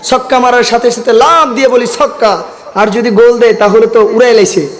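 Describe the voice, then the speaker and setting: A man's voice: very high voice, fairly even intonation, fairly quick. A man from Sylhet, Bangladesh preaching a sermon to a large gathering. He rouses the crowd, calls for their responses and jokes with them, and his throat sounds strained. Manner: jokes with the audience. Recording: long hall reverb.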